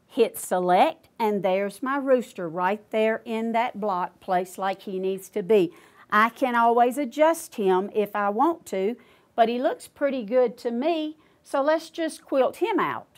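Older woman teaching quilting, patient. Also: a little high. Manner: patient, explains each click aloud. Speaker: quilting instructor. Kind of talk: step-by-step demonstration. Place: studio with quilting machine.

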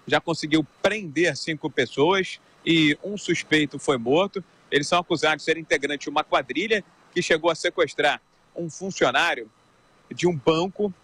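A man's voice: fairly high pitch, a bit bright. Chatty Rio man reporting from street. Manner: chatty, addresses the anchor by name. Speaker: field reporter. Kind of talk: live news report. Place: city street outdoors. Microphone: handheld mic close up.

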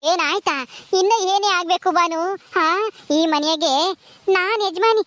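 Woman playing a drunk village mother-in-law, very high voice, loud taunting bluster, comedy skit. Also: a little slow, no room sound. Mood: ranting. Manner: shouting, taunting, slurred bluster.

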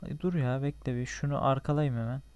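A man's voice: medium pitch, fairly even intonation, a little fast, darkish tone, clear, resonant tone, no room sound. A young man giving casual running commentary while playing a survival game, talking to himself, joking and cursing at enemies. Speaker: gaming channel host.

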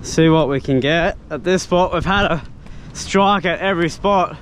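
A young man, chatting casually to an action camera held at arm's length on a rocky ocean shore, and shouting out with excitement when a fish strikes. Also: on the high side, moderate pace, rough recording. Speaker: fishing vlogger. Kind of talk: casual solo vlog narration. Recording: loud surf and wind noise.

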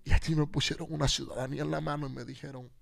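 A man with a gravelly, rough-edged voice tells his testimony with animated storytelling. He acts out the dialogue as he goes, with low music under a dry, close sound. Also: rapid-fire, dry recording. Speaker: pastor and radio panelist. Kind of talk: personal testimony on a radio show.

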